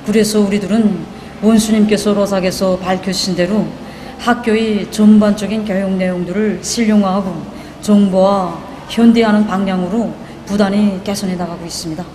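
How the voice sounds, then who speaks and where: Female educator, North Korean accent, warm mellow tone, formal interview, slight background noise. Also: medium pitch, steady tone, moderate pace, long reverb tail.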